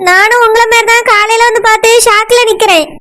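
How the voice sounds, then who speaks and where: A woman's voice: very high voice, fairly even intonation, fast talker, bright, forceful tone. A woman voicing a young woman, the bride's earnest, consoling friend, with a Kanyakumari Tamil accent in a cartoon. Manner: soothing, earnest. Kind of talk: cartoon voice acting.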